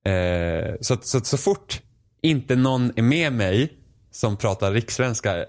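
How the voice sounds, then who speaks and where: A man's voice: mid-range voice, lively intonation. A young man co-hosting a casual chat podcast, with a standard Swedish accent and a dry, self-deprecating way of talking in loose restarts. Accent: Swedish from Sweden, Finland-Swedish family background. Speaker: podcast co-host.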